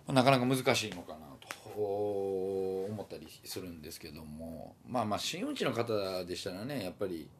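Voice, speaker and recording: A man with a Kansai accent and a low voice talks on his own in a loose, casual way. He drifts from thought to thought and fills his pauses with many small hesitations. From Osaka. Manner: meandering, many fillers and hesitations. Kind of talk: casual solo talk.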